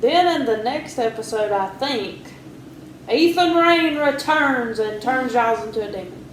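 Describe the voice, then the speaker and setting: A woman co-hosting a podcast chats casually in a relaxed, wry manner, reading out her own notes as she goes. Her voice sits on the high side at a measured pace, with roomy echo and faint background hiss.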